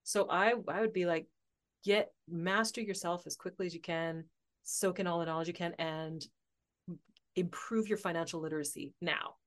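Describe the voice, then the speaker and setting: An author and coach in her forties talks casually as a guest on a podcast interview, thinking aloud with frequent laughter. Her voice is lowish, with fairly even intonation and a normal pace.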